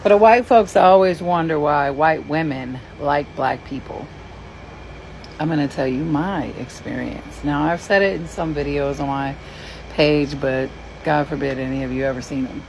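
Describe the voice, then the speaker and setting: Gravelly, profane woman telling a story. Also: deep voice, moderate pace, slight background noise, poor audio. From Kentucky, USA. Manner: profane, blunt, animated. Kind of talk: casual storytelling.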